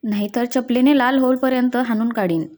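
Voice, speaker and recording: A woman's voice: fairly high pitch, normal speed, a little mellow, lightly acted. A woman doing a furious old grandmother. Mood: furious threatening. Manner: threatening, scolding.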